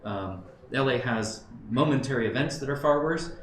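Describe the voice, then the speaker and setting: This Southern California man, in his fifties, speaks at normal speed in an animated, mid-range voice during a conversational conference presentation. Often checking in with his live audience and thinking aloud, he's recorded in a conference room with roomy acoustics and faint background noise.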